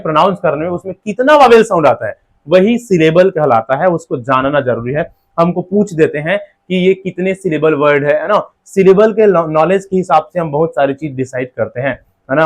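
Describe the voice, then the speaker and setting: A man teaches an exam-prep lesson, his voice sitting a little higher than most men's. He explains step by step, sounding out each word slowly into its syllables and checking in with the listener after nearly every line. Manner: explains step by step, breaks words into sounds slowly, repeats "theek hai". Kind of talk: classroom-style lecture.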